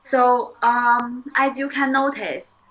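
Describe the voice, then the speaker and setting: Young woman teaching, slow and bright. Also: fairly high pitch, steady tone, muffled recording. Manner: patient, explains with many "like" and "um" fillers, models words slowly. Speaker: Chinese teacher. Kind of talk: relaxed one-on-one language lesson.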